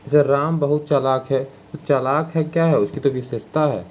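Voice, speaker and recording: A man's voice: mid-range voice, normal speed, darkish tone. A man teaching a grammar lesson for exam preparation in an informal, repetitive way, with many fillers and frequent check-ins.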